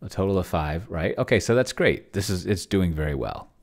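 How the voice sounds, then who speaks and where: In a small, cluttered room indoors, a middle-aged man with a deep, expressive voice talks a little quickly over a screencast. He's hosting a solo tabletop roleplaying session with a chatbot, rambling casually and musing to himself as he reads along.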